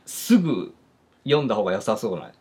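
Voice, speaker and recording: A man's voice: lowish voice, sing-song, fairly quick, darkish tone, a little hiss or hum. A man hosting a podcast who chats casually and reads listener letters aloud. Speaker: podcast host reading listener mail. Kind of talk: casual chat and letter reading.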